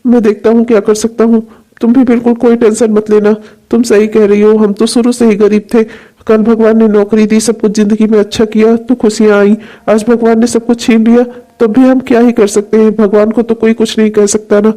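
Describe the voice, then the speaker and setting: A man's voice: sits high, little pitch movement, fairly quick, mellow, lightly acted. A man voicing a worried jobless husband and father in a cartoon, who talks in an anxious, despairing way. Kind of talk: cartoon dubbing.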